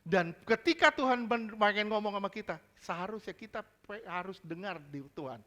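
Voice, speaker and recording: Bright, high-voiced man preaching a sermon. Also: lively intonation, moderate pace. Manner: emphatic, quizzes the congregation with repeated questions; mixes casual slang with preaching. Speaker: pastor. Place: church service.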